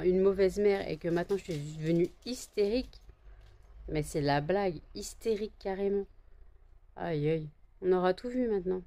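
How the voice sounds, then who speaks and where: A French woman talks casually into her camera, her voice high and shrill. She is tired and barely awake, and she rambles with many fillers and false starts, scolding her dogs now and then. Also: warm tone. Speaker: vlogger.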